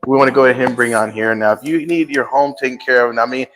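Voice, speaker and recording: A man's voice: fairly even intonation, quick pace, fairly bright tone, slight background noise, low-quality recording. A man in his fifties hosting a live lifestyle show, teasing his co-host in joking, playful chat. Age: 50s. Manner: teasing, playful, jumps high in pitch when joking. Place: indoor studio set with a painting behind.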